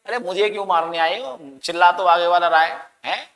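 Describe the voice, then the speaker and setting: A man's voice: high-pitched, a little fast, fairly bright tone. A man teaching an exam-prep grammar lesson, asking his students questions and answering them himself, dramatically stretching words for emphasis. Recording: long echoing reverb.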